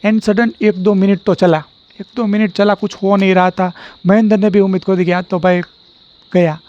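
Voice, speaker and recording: High-voiced Gujarati man telling a ghost story. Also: a little mellow. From Gujarat, India. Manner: dramatic, chatty, keeps addressing the listener as brother. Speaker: YouTube storyteller. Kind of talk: casual horror storytelling. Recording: slightly dull lo-fi recording.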